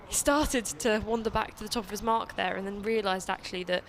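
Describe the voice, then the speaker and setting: A woman's voice: mid-range voice, fairly quick, slight background noise. A woman commentating live on a cricket match, calling the play and trading jokey banter with her co-commentator. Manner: chatty, joking banter between calls of play.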